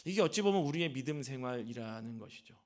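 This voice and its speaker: A man's voice: medium pitch, animated, fast, a little mellow. A middle-aged man, a senior pastor giving a Sunday sermon, talking conversationally and asking the congregation rhetorical questions.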